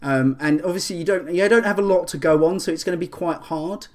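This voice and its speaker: Running a tabletop RPG session as game master, this man lays out scenes in a stop-and-start way, often using fillers and starting over. His pitch sits on the high side.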